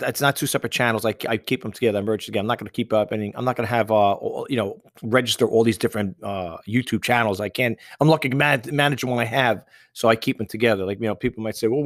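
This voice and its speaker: A man's voice: on the low side, no room sound, clean studio sound. A middle-aged man hosting a casual podcast, talking frankly and rambling with lots of restarts and repeated phrases. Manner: reads a letter aloud. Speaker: podcast host.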